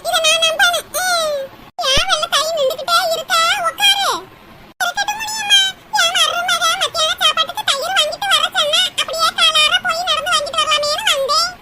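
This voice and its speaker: A woman's voice: very high voice, steady tone, a little fast. A woman voicing a grumbling elderly village grandmother in a cartoon comedy, scolding and full of self-pity. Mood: complaining. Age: older. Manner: scolding, self-pitying complaints. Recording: loud background hiss.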